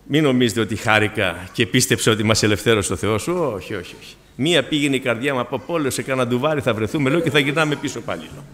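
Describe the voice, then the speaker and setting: A man's voice: mid-range voice, fairly bright tone. A man preaching a sermon with a Greek accent, telling personal stories and rising to fervent emphasis.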